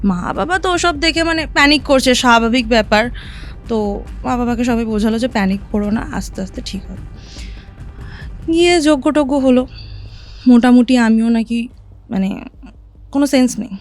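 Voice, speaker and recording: A woman telling a listener her own ghost story in a casual podcast chat, vivid and animated, often asking "right?". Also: on the high side, dry recording. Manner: recounts events vividly, often checking in with "right?".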